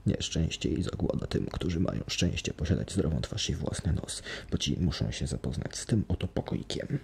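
A manic masked man talks feverishly, wheedling and boasting in a deep, gravelly voice, as a man reads him. His pitch swings widely from hushed lines to loud claims. It is an ASMR bedtime storybook reading. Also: animated, moderate pace, slight background noise, full character voice. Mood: boastful.

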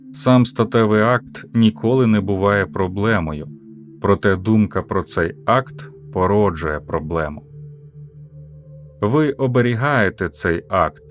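A man with a fairly low voice reads a philosophical talk aloud as an audiobook. His delivery is measured and emphatic, built on rhetorical questions. Soft music plays quietly behind him. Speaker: audiobook narrator.

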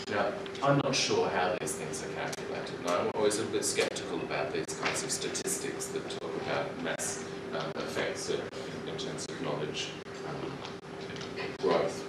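A middle-aged man delivers a reflective conference keynote from a podium, his voice low and unhurried, with the odd um and restart. He sounds distant, carried through a big, echoing lecture hall. A loud, steady hiss of noise sits under everything. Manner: measured, reflective, with restarts and ums. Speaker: keynote speaker. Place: large lecture hall, indoors. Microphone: podium mic, recorded by far camera.

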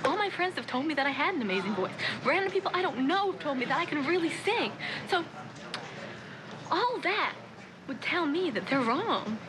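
Young American female, high-pitched, upset and close to tears, emotional reality show exit interview. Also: big pitch swings, normal speed, noisy background. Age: young adult. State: upset, holding back tears. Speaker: rejected talent show contestant. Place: hotel lobby and audition room.

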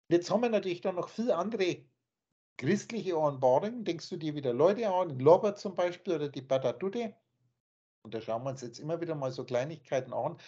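A man's voice: high-pitched, dark tone, slightly rough. A man teaching in an emphatic, scornful lecturing manner, speaking over a video call. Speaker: spiritual teacher. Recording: dull lo-fi online call audio.

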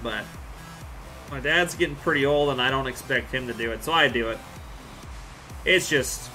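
A man's voice: medium pitch, bright, forceful tone. Laid-back man streaming a game. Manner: laid-back, rambling, joking with chat. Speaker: farming game live streamer. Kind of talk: casual live-stream chat with viewers.

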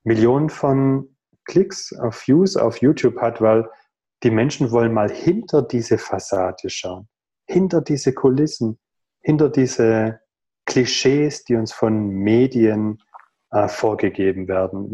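Man in his thirties on a video call, mellow and warm, thoughtful and earnest delivery with pauses. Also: medium pitch. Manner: thoughtful, earnest, rhetorical questions, many pauses. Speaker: guest in a video call conversation. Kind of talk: reflective conversational explanation. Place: home room.

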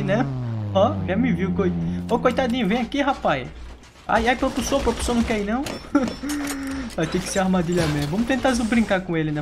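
A man's voice: sits high, noisy background. A man giving chatty, teasing live commentary over his own gameplay, laughing often. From Brazil. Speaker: gaming YouTuber.

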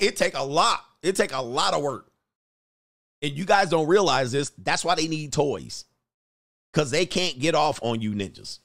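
A man's voice: a little high, no echo, clean studio sound. A man hosting a casual reaction show, telling jokes in slang, acting out quotes and laughing often. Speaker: commentary channel host.

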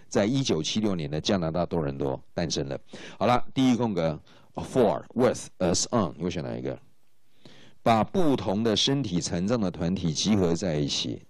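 A man's voice: sits low, no room sound. A man teaching English to exam students, explaining in Mandarin with English phrases and often checking if students follow. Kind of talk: exam-prep lecture.

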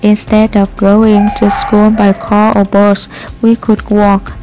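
A woman reading textbook passages aloud for listening practice, slow and careful, with frequent hesitant fillers. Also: medium pitch, monotone, mellow, faint music behind, rough recording. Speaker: reader of listening practice texts.

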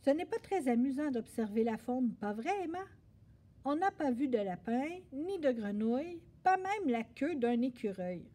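A woman voicing an eager, noisy little boy who shouts and pleads in a storybook reading. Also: sits high, moderate pace. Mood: pleading. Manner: loud, excited, pleading.

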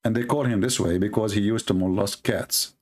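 His voice sits fairly low and a little mellow, and he talks fairly quickly. The man, whose first language is Arabic, hosts a heated screen-share debate, reading texts off the screen in a combative, mocking manner.

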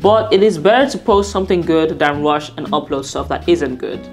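A young woman vlogger talks straight to her viewers in a loose, candid way, circling back and fixing her words as she goes. Her voice sits unusually low for a woman, and soft music plays faintly behind her. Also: expressive, moderate pace. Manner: candid, rambling, self-correcting. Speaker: vlogger and designer. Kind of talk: casual to-camera vlog talk.

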